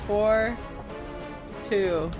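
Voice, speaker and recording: Soft, giggly woman at a tabletop game. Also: medium pitch, very slow, loud music behind the voice. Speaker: player.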